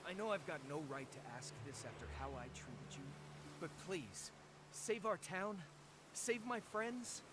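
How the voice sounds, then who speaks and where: Earnest townsman, highish voice. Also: animated, unhurried, noisy background. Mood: pleading. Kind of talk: video game voice acting. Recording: loud game music over the voice.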